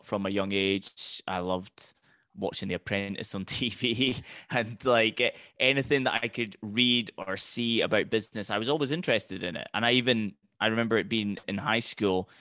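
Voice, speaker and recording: Low-voiced man with a Highland Scottish accent. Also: sharp tone, dry recording, clean studio sound. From Highlands of Scotland. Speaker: podcast guest, entrepreneur. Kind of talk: conversational personal storytelling.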